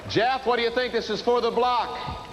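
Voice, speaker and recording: A man's voice: very high-pitched, steady tone, moderate pace, lo-fi sound. A man hosting a television game show, putting questions to the players and steering the game. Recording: very noisy TV studio recording.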